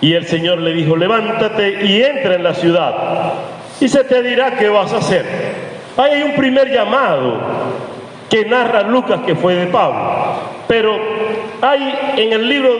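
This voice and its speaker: A man with a Venezuelan accent preaching a sermon in church, slowing down and dropping low when he quotes scripture. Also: slight background noise. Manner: dramatic, slows and drops low when quoting scripture. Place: church sanctuary. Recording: echoey church hall from the pulpit.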